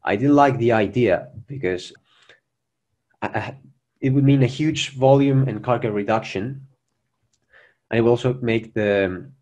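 A man's voice: fairly low pitch, darkish tone. A young man presenting his own plan over a video call, answering questions earnestly with many fillers and restarts. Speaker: presenter of a Mars mission plan. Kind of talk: conference Q&A answers.

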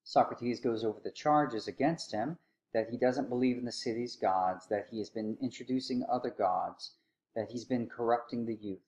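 Male lecturer, mid pitch, lively storyteller with sarcastic asides. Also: moderate pace. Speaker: philosophy lecturer. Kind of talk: recorded course lecture.

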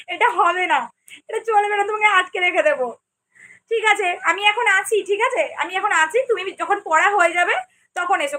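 With a very high, bright and forceful voice, this young cooking-channel host from Medinipur in West Bengal, India, chats casually during a livestream. She reads out comments from viewers and replies to each one by name.

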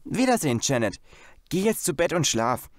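A man's voice: a little high, sing-song, normal speed, pitched above the performer's own voice. A man voicing a keen, bossy boy who leads a gang of children, in a storybook reading, commanding and urgent.

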